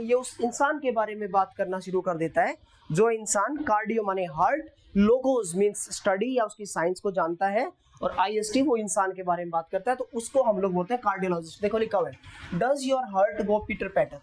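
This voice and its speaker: A woman teaching a classroom vocabulary lecture who asks her students questions and answers them herself, reading English example sentences slowly. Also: medium pitch, darkish tone, a little hiss or hum, poor audio.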